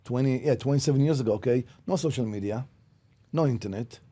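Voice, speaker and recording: Blunt Israeli-born man, mellow voice. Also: mid-range voice, fast talker. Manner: blunt, animated storytelling with frequent "okay?" check-ins. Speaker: guest, commercial real estate broker. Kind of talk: casual interview. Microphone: podcast studio mic.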